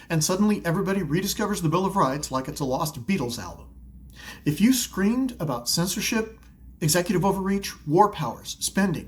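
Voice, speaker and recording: A man's voice: high voice, fairly bright tone. A man hosting a scripted satirical political commentary, with a sarcastic, mocking delivery built around punchlines.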